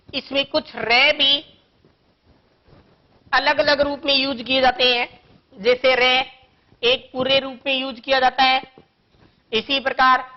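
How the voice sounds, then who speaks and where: A woman with a high voice teaches a grammar lesson for young children. She speaks slowly and patiently, working through one example after another. The recording sounds dull and lo-fi. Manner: slow, patient explaining with many examples.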